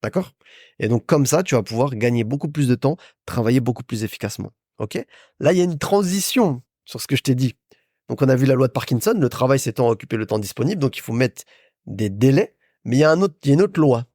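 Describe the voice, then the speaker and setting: With medium pitch, lively intonation, a quick pace and a darkish tone, a young podcast host talks casual business advice, chatting straight at the listener and repeating and restarting frequently. The studio sound is clean, with no echo.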